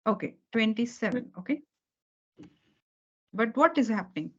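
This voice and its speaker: Her fairly high voice is a bit bright and animated as a woman gives a beginner programming lesson on a video call at a moderate pace. She repeats key points patiently and checks understanding with "okay" and "right" after almost every sentence. The audio is dull and lo-fi.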